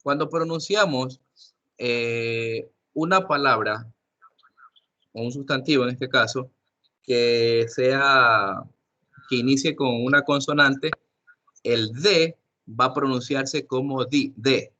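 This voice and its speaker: A man's voice: medium pitch, slow pace, pushed and bright, muffled recording. A man teaching an English class online, explaining step by step, often repeating himself and checking with questions.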